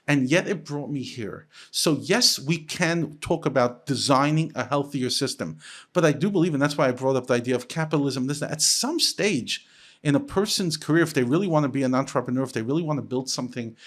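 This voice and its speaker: A man from the United States who works as a rabbi, talking as a guest on a podcast. He speaks in an animated, unscripted way, often restarting his sentences and repeating words. His pitch sits in a plain middle range. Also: brisk. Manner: animated, lifts his pitch sharply when quoting others. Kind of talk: casual podcast conversation.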